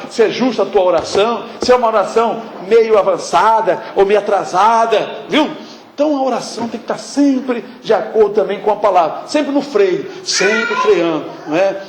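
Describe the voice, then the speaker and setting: A man's voice: high-pitched, roomy sound, slight background noise. A male pastor preaching a conversational sermon, often tagging his sentences with questions and acting out prayers. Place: church hall.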